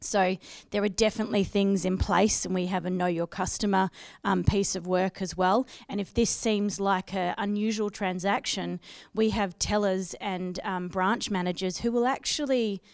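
A woman's voice: medium pitch, fairly even intonation, normal speed, dry recording, studio quality. A woman on a panel explaining banking security in an explanatory way, with frequent ums. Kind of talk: panel discussion.

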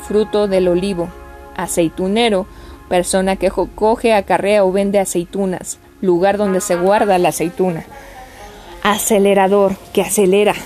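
A woman reading dictionary entries aloud in a steady list-like cadence, often stumbling and restarting words. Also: medium pitch.

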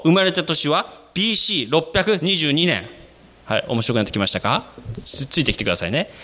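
Guy preaching, talks right to the crowd, high voice, really bouncy. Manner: animated, addresses the congregation directly; acts out quoted voices with sudden jumps in pitch. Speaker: pastor. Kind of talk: sermon.

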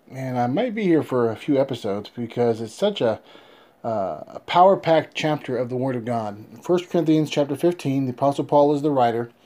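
A man's voice: medium pitch, warm tone. A man hosting a devotional program, teaching the Bible in an earnest, conversational way with repeated phrases, in an echoey room like a bathroom. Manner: earnest, repeats phrases for emphasis, checks in with "okay" and "right". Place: indoors, an echoey room away from the usual spot. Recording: echoey, like a bare reverberant room.

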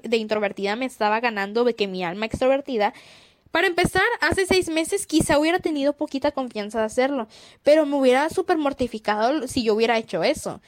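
A woman's voice: high voice, no room sound, studio quality. A young woman with a Mexican accent, hosting a casual storytelling podcast, chatty and slangy, giggling and acting out quotes as she tells anecdotes. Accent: Mexican Spanish. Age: young adult. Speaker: podcast host.

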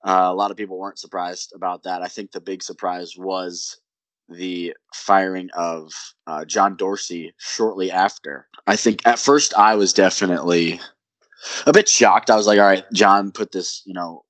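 A man's voice: low voice, normal speed, dry recording. A young man co-hosting a sports podcast, chatting casually and rambling with lots of "like" and "um". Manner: relaxed, rambling with many likes and ums. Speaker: podcast co-host. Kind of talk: casual chat.

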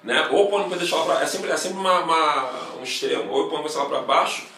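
A Brazilian man in casual chat, animated and swearing freely as he mimics other people. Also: a little high, fast. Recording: roomy, distant mic, faint noise.

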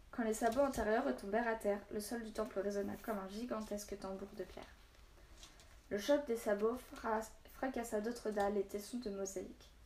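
A woman reading a children's novel aloud, steady and expressive, voicing the dialogue. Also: medium pitch, reverberant, slight background noise. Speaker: storyteller.

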